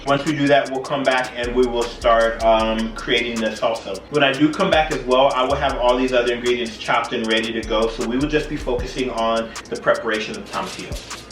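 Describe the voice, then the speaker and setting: A man's voice: mid-range voice, fairly even intonation, a little fast. Tipsy man cooking, roomy distant mic. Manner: tipsy, loose and rambling, drinking shots as he cooks. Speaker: cooking show host. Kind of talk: casual home cooking demonstration. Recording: roomy echo, distant mic, music behind. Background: music.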